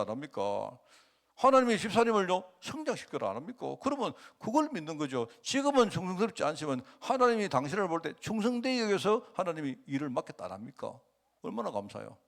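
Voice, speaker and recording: A male pastor preaching a conversational sermon in a church, often asking the congregation rhetorical questions. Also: on the high side.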